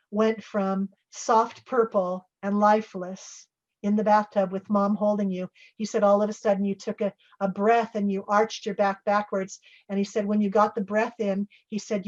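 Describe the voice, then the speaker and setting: A woman's voice: medium pitch, a little mellow. A middle-aged woman on a panel, telling a personal story in an earnest, conversational way and quoting others as she goes. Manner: earnest, conversational, with restarts and quoted dialogue. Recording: slightly muffled recording.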